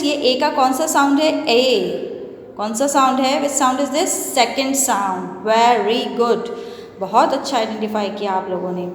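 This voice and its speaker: A woman teaching an English phonics lesson, speaking slowly and patiently, mixing Hindi and English and asking questions she then answers herself. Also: sits high, slight background noise. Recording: echoey room with long reverb.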